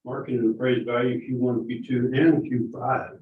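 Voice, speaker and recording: A man's voice: medium pitch, level tone, normal speed. Guy calling in over a speakerphone, tinny phone line, kind of far off and echoey in the room, short plain answers. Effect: heard over a speakerphone. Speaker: property owner protesting by phone. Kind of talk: formal hearing testimony. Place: meeting room, through a speakerphone.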